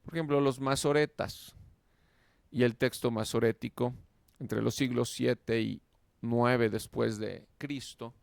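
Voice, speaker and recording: A man giving a slow lecture on Biblical Hebrew, explaining step by step and often checking in with "¿verdad?". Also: medium pitch, fairly even intonation, gravelly, dry recording. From Mexico. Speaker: Hebrew teacher.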